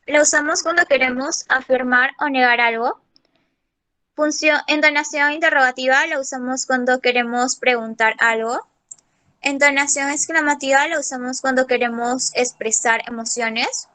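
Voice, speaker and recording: A woman student presents a class lesson in a steady reading voice. Her voice sits high and sounds bright, with a smooth, crisp clarity. She keeps a plain, even delivery with a few fillers. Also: normal speed.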